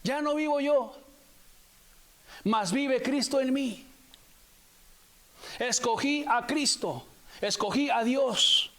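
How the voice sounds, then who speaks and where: A man with a very high-pitched voice delivers a sermon. He preaches with emphasis, repeating phrases and stretching the important words out slowly for weight. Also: fairly bright tone.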